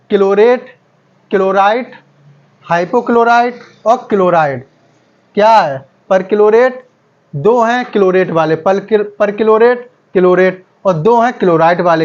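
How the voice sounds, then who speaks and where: Man, chemistry lecture, keeps asking and repeating answers, muffled lo-fi recording. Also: high-pitched. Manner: repeats each term back as a quiz question. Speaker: chemistry teacher. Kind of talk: classroom lecture with call-and-response questions.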